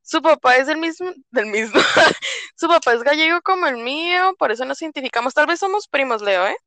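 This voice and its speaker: A woman's voice: high voice, lively intonation, a little fast, sharp tone, no room sound. A woman hosting a casual podcast interview, chatty, playful and teasing. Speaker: podcast host.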